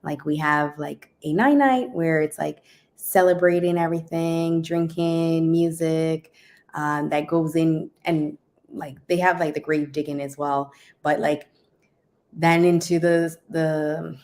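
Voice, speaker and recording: Low-voiced lady from jamaica, chill guest chatting, lots of ums. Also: slow pace. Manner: relaxed, laughs often, trails off with ums. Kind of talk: casual interview chat.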